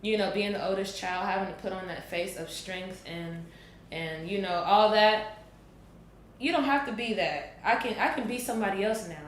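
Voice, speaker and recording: A woman in her late twenties, thinking aloud in an earnest, reflective casual chat. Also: mid-range voice. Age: 20s. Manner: earnest, thoughtful, drawn-out pauses. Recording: echoey room with faint noise.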